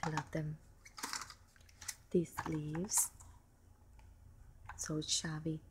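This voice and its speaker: Seated at a table indoors, a crafting vlogger shows off a shopping haul in a casual show-and-tell, filmed by a camera aimed down at her hands. Her low voice stays soft, slow, and fond, barely moving in pitch, full of ums and little laughs. Plastic packaging crinkles and rustles clearly, and there's background noise.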